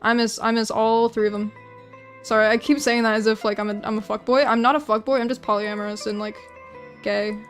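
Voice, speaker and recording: A young woman chatting casually on a drawing livestream, rambling and self-deprecating, often restarting her sentences. Her voice sits fairly high. Faint music plays in the background. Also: level tone, brisk. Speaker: art streamer.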